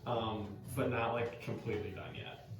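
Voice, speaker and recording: Rambling game master, echoey room. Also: male voice, on the low side, steady tone, normal speed. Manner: loose, filler-heavy narration. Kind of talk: narrating a tabletop game. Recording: echoey room, far from mic, music behind.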